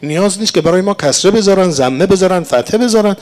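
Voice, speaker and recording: A man's voice: sits high, animated, a little mellow. A man preaching a sermon in a teaching manner, speaking to his listeners as dear friends and reciting verse along the way. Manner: explanatory, addresses listeners as dear ones, recites verse and Arabic.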